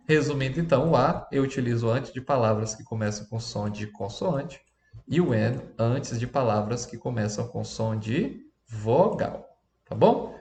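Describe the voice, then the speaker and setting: A man's voice: medium pitch, a little mellow, roomy sound. A man teaching an English lesson with a Brazilian Portuguese accent, chatty and often checking in with his students.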